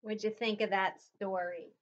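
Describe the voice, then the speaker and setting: A woman's voice: mid-range voice, fairly even intonation, measured pace, highs cut off. A woman teacher reading a storybook aloud to her class and then giving them patient, encouraging instructions.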